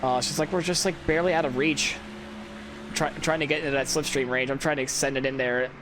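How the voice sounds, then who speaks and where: Tired man, casual game commentary, self-critical rambling, medium pitch, loud engine noise behind. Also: steady tone, quick pace. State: sleepy, tired. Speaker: gameplay commentator. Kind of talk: casual let's-play commentary. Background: racing game engine noise.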